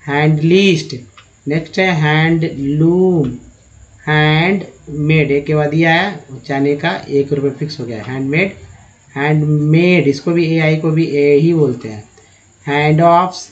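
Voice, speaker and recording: A man leads an English reading lesson, sounding out one word after another at a very slow, drawn-out pace. His voice sits a little high. The recording is dull and lo-fi. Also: steady tone.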